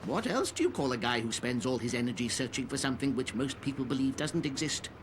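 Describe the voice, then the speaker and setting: A man's voice: mid-range voice, lively intonation, fast, natural voice. An actor playing a talkative, teasing old cat man in a video game, with a theatrical, chiding, probing manner. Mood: teasing, needling. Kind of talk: English video game voice acting. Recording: clearly noisy game audio with ambience.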